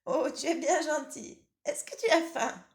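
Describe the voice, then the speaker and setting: A woman's voice: sits high, unhurried, voice pushed up. A woman voicing a tired, frail old grandmother who is kind and chatty, with little laughs, from a storybook. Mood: doting. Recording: roomy echo.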